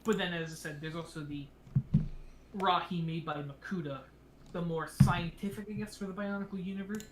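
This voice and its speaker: A young man asking a question on a livestream, halting and full of fillers. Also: high-pitched, steady tone, noisy background. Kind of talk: casual chat on a livestream.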